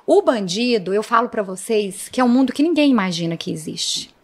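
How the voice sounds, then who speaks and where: In a mid-range voice at a fairly quick clip, the woman, a police chief under interview, brings her story to life with animated, dramatic detail. She often turns to speak to the audience directly.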